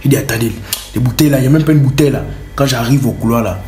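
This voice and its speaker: A man telling a comic story in an animated way, repeating words for effect. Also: mid-range voice, very fast, reverberant, noisy background. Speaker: comedian.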